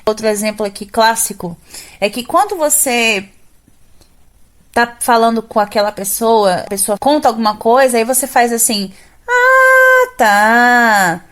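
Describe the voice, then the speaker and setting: A woman's voice: on the high side, moderate pace. A woman with a Brazilian Portuguese accent, a singing teacher explaining vocal registers step by step, often ending phrases with "né?" and singing brief demonstrations.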